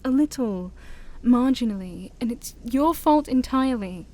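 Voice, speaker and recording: A woman plays a shy, haughty, ancient demon princess in a soft-spoken ASMR roleplay, breathy and often nearly whispering, using formal, theatrical wording with awkward hesitations. Her voice is fairly high, animated and a little slow, the mood flustered and indignant, and the audio poor.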